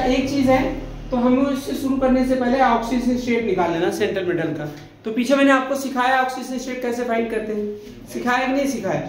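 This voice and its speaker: A very high-pitched male chemistry teacher gives a lecture in an echoey classroom. He asks his students questions and answers them himself, affectionately calling them "beta."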